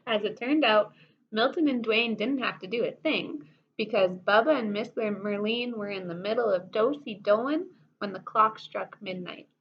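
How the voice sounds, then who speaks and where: A woman with a medium-pitched voice reads a children's story aloud at a normal speed, full of expression and tossing animated, playful asides to her young listeners. The sound is dull, with faint noise in the background.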